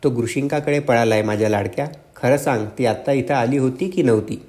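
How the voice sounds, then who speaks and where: A man's voice: mid-range voice, fairly quick, a little mellow, natural voice. A man voicing an old father who is fearful, sly and pleading, in an audiobook reading. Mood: anxious pleading. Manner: pleading, repetitive.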